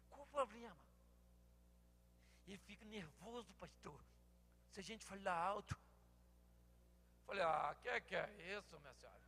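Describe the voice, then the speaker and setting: A Brazilian man in his sixties, a pastor delivering a humorous sermon, telling animated stories and acting out dialogues. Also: sits high, gravelly, slight background noise. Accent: Brazilian Portuguese. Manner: animated storytelling, acts out dialogues, bursts into shouting. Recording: long hall reverb.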